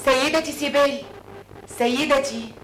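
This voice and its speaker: A gentle, devoted maid. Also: female voice, high-pitched, unhurried. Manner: soft, respectful. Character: devoted female maid, gentle then panicked. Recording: noisy old radio recording.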